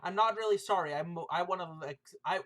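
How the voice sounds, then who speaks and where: An excitable tabletop player with a medium-pitched voice. The player talks in quick bursts, stammers and restarts, and slips into sarcasm. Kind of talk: tabletop game play.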